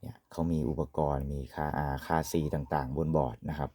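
A man's voice: rumbling low, steady tone, fairly quick, dark tone, breathy edge, no room sound, clean studio sound. A man giving an informal, polite product demonstration as an equipment reviewer, often ending phrases with courtesy particles.

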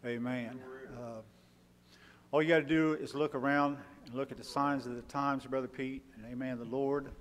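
A man's voice: mid-range voice, steady tone, moderate pace. Older man leading a church service. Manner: folksy, punctuated with frequent amens. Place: church sanctuary, at the pulpit. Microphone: pulpit mic. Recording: church hall reverb.

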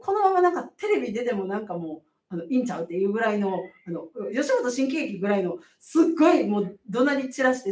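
A middle-aged woman with a Kansai accent talks as a midwife on a casual live stream, animated and emphatic, laughing often. Her high voice swings widely in pitch. The sound is roomy and a little off-mic. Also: far from the mic.

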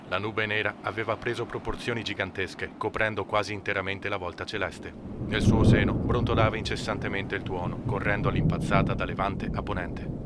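Man, amateur audiobook narrator, lowish voice, faint background hum, steady measured reading. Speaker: audiobook reader.

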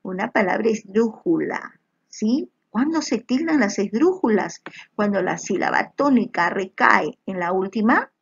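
Patient and encouraging, a woman walks young pupils through a slide-based spelling lesson, calling them little children and checking often that they're following. The primary teacher's medium-pitched voice is animated, gravelly, and slightly rough at a measured pace, in lo-fi sound.

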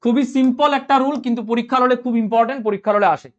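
This lo-fi clip has a man speaking very fast in a very high pitch while running a live grammar class online. He responds to comments he reads aloud from viewers, repeats every point, and asks if things are clear.

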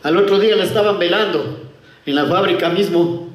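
A man telling jokes as a comedian, in a lively storytelling manner. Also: high voice, fairly quick. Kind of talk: joke telling. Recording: echoey room.

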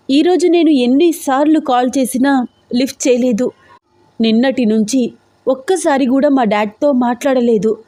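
A woman's voice: high-pitched, mellow, dry recording, pitched above the performer's own voice, lightly acted. A woman voicing a frantic, pampered young woman in a storybook audio drama, talking in an urgent, pleading, tearful way.

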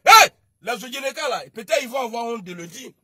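A man with an Ivorian French accent ranting on a political livestream, scolding and shouting, then dropping to low mutters. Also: lively intonation, fast, husky, no room sound, studio quality. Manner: shouting, scolding, swings between loud outbursts and low muttering. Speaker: online video commentator. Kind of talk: heated political livestream rant.

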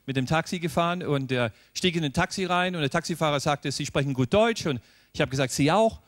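A middle-aged man from the United States with an American accent performs a stand-up comedy routine in German, telling stories and acting out the characters. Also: fast. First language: English. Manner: animated storytelling, acting out characters in a pitched-up voice.

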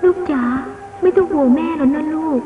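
A woman playing a loving, sorrowful mother who speaks softly to her son in an old cartoon. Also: high-pitched, a little fast, close to an everyday voice. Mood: tender. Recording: dull old film sound, distant, with music.

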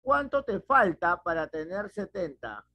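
A middle-aged male teacher in a headset leads an online math lesson at a whiteboard in a small home room, patiently breaking the problem down with questions. His high voice is bright and forceful, with big pitch swings and a measured pace. The lo-fi video call audio is dull and dry.

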